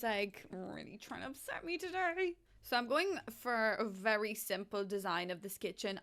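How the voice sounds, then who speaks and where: A woman's voice: a little high, fairly bright tone. A young woman, chatting casually and self-deprecatingly while playing a building game, with exasperated asides. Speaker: gaming video creator. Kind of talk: casual gameplay commentary.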